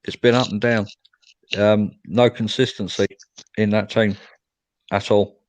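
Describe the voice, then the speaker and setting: Male host, young, low pitch, dry close mic, reads out viewer comments. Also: little pitch movement, measured pace, no echo, poor audio. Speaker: fan show host. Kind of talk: casual post-match fan chat.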